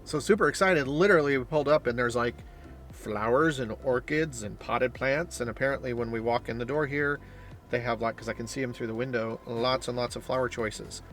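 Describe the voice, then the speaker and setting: A man's voice: mid-range voice, fairly even intonation, fairly quick, a bit bright, faint music behind. A man chatting casually to the camera as a vlogger, upbeat and explanatory, recorded in a car and in a store. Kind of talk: casual vlog chat.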